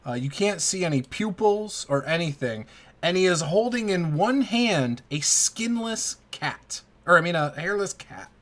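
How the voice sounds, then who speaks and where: A man improvising narration as the game master of a tabletop game, halting and informal as he searches for words. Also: high-pitched, expressive, a bit bright.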